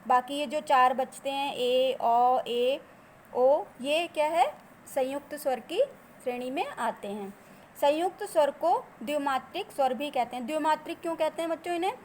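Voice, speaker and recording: A woman teacher explaining grammar to children, asking them questions and answering them herself, and drawing out example sounds slowly. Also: high-pitched, darkish tone, a little hiss or hum.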